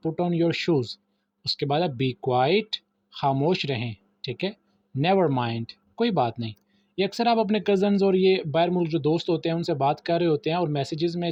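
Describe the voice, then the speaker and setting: A man's voice: fairly high pitch, darkish tone. Pakistani man teaching English phrases. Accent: Pakistani Urdu. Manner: reads English phrases slowly, then explains them in Urdu. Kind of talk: vocabulary lesson. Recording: dry, slightly muffled voice-over.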